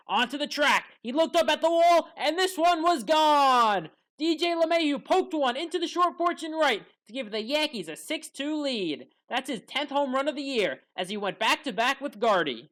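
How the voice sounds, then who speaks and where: Calling scripted sports highlights play by play, a female commentator with a fairly bright tone hits the big moments hard.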